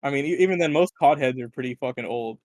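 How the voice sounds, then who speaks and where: A man's voice: medium pitch, quick pace, a little mellow, no room sound. A young man guest on a casual podcast, telling rambling anecdotes with lots of fillers and laughter. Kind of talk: casual chat.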